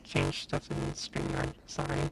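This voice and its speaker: A woman speaking at an online conference over a video call, her voice coming through robotic and garbled like low-sample-rate audio as she hesitantly checks whether she can be heard. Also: completely flat delivery, unhurried, gravelly, music in the background. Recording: noisy, distant, robotic-sounding online stream.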